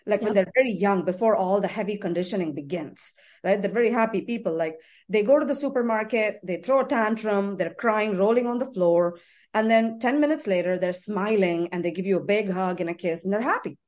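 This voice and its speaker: A woman's voice: mid-range voice, fairly quick, darkish tone. A woman therapist in a podcast conversation, talking earnestly and repeating phrases for emphasis.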